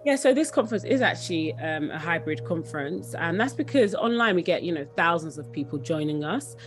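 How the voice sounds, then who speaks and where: This young woman, a company founder interviewed on a video call, has a fairly low-pitched voice and talks animatedly and a little fast. She sounds conversational and enthusiastic, doubling up words for emphasis, with faint music in the background.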